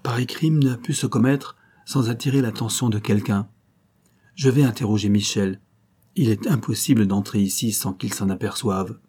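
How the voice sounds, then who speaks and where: A man voicing an anxious middle-aged government minister who exclaims and presses questions in a low, husky voice. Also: moderate pace, mellow. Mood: stern. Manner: agitated, then hearty and exclaiming.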